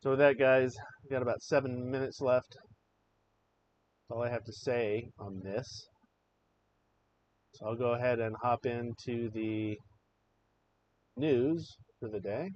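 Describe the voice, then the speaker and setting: A man hosts a live stream, delivering opinionated commentary with raw, emotional passion and the odd curse. His voice sits at an ordinary pitch. The audio is a little dull, with a faint hiss underneath. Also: slow pace, long pauses, a little mellow. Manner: impassioned, emotional, swears freely. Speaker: livestream show host.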